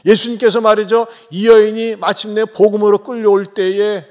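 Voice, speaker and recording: A man, a pastor, preaching a Sunday sermon. He questions the congregation directly and swings between soft, low asides and loud, raised exhortations. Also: little pitch movement, moderate pace.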